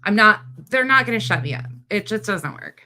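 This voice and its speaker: A middle-aged woman from North Dakota, with a light accent from that state, hosts a casual livestream and reads comments aloud. Her medium-pitched voice is brisk, and she talks bluntly and animatedly with plenty of swearing.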